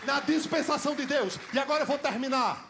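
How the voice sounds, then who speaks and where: A man with a Brazilian Portuguese accent preaching a sermon in church, telling the story dramatically and swinging from shouts to hushed tones. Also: extremely high pitch, brisk, crowd noise, background noise.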